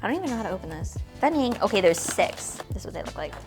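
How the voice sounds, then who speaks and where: A 29-year-old fitness creator speaks in a mid-range, sing-song voice at a rapid-fire clip over music. She chats and rambles at length in a casual vlog Q&A and unboxing, loading her talk with "like" and "okay?" fillers. She gushes with squealy delight over cute little toys.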